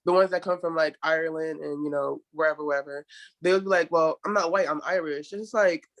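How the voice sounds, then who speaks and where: A man's voice: on the high side, fairly even intonation, fast talker, a bit bright. A man in his twenties, a guest in a casual chat, laid-back and chatty, dropping many likes and you-knows. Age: 20s.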